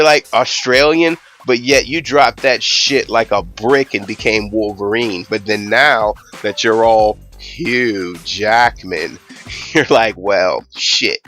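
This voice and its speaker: A man's voice: mid-range voice, fairly bright tone. A young man hosting his own channel, ranting casually with rambling, swear-filled emphasis. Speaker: YouTube channel host.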